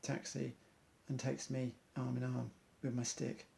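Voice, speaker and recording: A man's voice: mid-range voice, monotone, unhurried, creaky, dark tone, a little hiss or hum. A man, an amateur athlete, earnestly reciting an inspirational monologue in loose rhymes.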